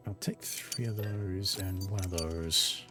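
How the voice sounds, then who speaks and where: A man's voice: sits low, steady tone, slow, music in the background. Wry man commenting on a game. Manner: wry, sarcastic, swears freely. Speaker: streamer. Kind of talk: casual gameplay commentary.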